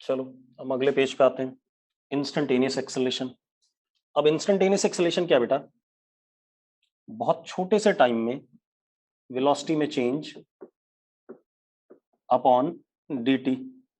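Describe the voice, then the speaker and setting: Male physics teacher, brisk and scolding, live online lecture. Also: mid-range voice, a little mellow. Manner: brisk, scolds students by name.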